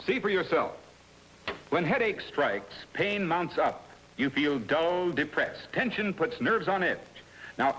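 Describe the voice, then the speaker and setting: A man's voice: fairly high pitch, bright, forceful tone, husky, poor audio. A man announcing a 1950s commercial in a chipper, emphatic, punchy salesman style.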